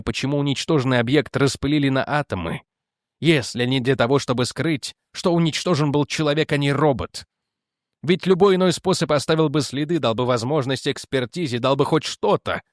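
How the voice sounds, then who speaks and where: A man's voice: brisk, no room sound, studio quality, lightly acted. A man reading aloud as a firm, persistent male investigator who presses his argument. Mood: insistent. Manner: firm, pressing, lowered in pitch.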